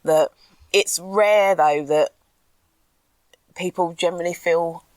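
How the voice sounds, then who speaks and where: Woman on a chatty podcast, low voice, dry close sound, kinda ranty. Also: fairly even intonation, takes it slowly, no echo. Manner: candid, ranty, laughs often. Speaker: podcast co-host. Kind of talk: casual chat. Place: outdoors in a garden.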